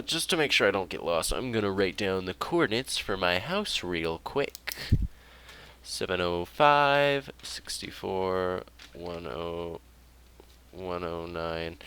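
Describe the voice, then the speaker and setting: A young man rambling through casual let's play commentary, chatty and excitable. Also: sits low, clean tone. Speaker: gaming YouTuber.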